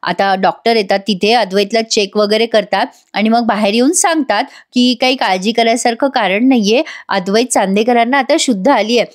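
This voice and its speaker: A woman with a voice on the high side reviews a TV serial, giving a chatty voice-over recap of an episode. She speaks at normal speed with hardly any pauses and talks straight to her viewers.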